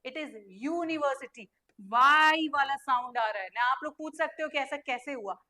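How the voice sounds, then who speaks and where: A young female teacher with a high, bright voice runs an online grammar lesson. She fires questions at her students and answers them herself, and she draws letters out one at a time as she spells. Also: normal speed.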